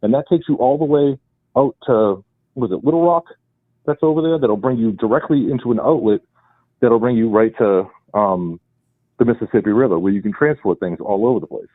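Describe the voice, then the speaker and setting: Here a caller with a Boston accent rambles emphatically through a long explanation on call-in radio. His voice is medium-pitched and brisk, with no room sound on the dry phone line. His wife sits beside him at home while he talks, first on speakerphone and then on the handset.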